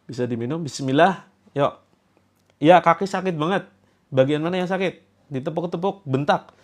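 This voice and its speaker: A man from Java, coaching a group through a healing session. He gives instructions, jokes, and breaks into loud commands. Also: a little high, normal speed. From Java, Indonesia.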